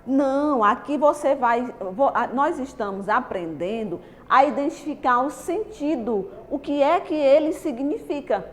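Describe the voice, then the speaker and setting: A Brazilian woman teacher giving a slow, patient lesson to young children, asking the class questions and answering them herself. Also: a little high. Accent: Brazilian Portuguese. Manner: slow, patient, stretched-out explaining. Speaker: primary school teacher.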